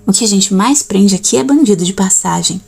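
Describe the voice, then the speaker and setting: A woman reading the lines of an impassive female police officer in a flat, matter-of-fact way. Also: medium pitch, brisk, gravelly, husky, faint music behind.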